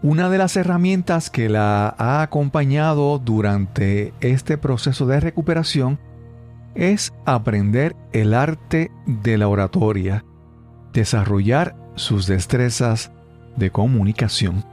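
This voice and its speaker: A man hosting a podcast interview, opening with measured, deliberate introductions before asking questions. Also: mid-range voice, animated, darkish tone, faint music behind. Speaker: podcast host.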